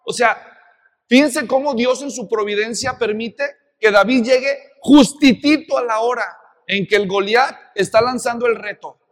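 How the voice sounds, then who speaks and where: A man with a Mexican accent preaching a sermon, telling a Bible story in a lively way with many rhetorical questions. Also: extremely high pitch, moderate pace, big-room sound. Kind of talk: expository sermon.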